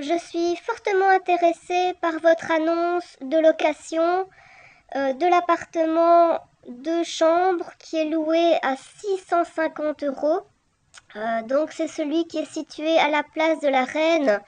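Keen, polite female renter on voicemail played by a woman, high voice, unhurried. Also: a little mellow. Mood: polite, eager. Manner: hesitant, polite, careful spelling. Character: keen, polite woman enquiring about renting a flat. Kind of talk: scripted voicemail role-play.

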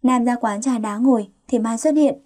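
A woman tells a first-person story aloud. Her voice sits a little high yet sounds mellow and warm. She narrates plainly, with feeling. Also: normal speed.

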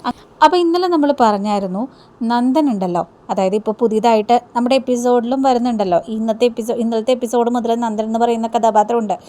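Woman, chatty, fairly high voice, casual episode retelling, frequent fillers. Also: fast talker, warm tone. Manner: chatty, with many hesitation fillers. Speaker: serial review host.

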